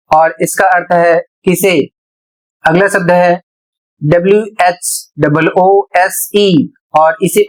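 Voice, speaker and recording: Slow, deliberate male language teacher. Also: high-pitched, rough recording. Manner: deliberate, spells words letter by letter. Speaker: English teacher. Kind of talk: slow spoken lesson.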